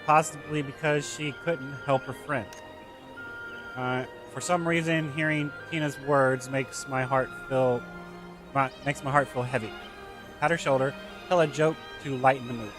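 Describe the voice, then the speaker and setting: A man's voice: mid-range voice, steady tone, measured pace, over music. A man on a live stream who reads a game's dialogue aloud and keeps stopping to question its grammar. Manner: reads lines aloud, stops to pick apart the grammar. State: eating while talking. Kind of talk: live-stream game reading and commentary.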